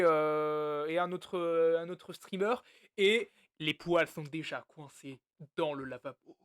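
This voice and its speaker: With a high-pitched and slightly bright voice, a let's play host reads a game's text aloud and throws in crude, joking, muttered remarks as casual commentary.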